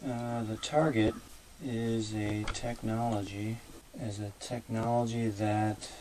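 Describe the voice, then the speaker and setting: Halting male remote viewer, low voice, slow drawn-out delivery, noisy recording. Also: flat delivery. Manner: halting, searching for words with many fillers. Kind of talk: describing impressions in a session.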